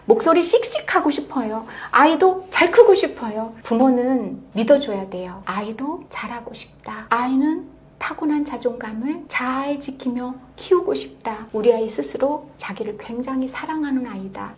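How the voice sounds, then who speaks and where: A woman giving parenting advice on a talk show, emphatic, swinging from loud stresses to hushed near-whispers. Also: on the high side. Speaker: parenting expert guest.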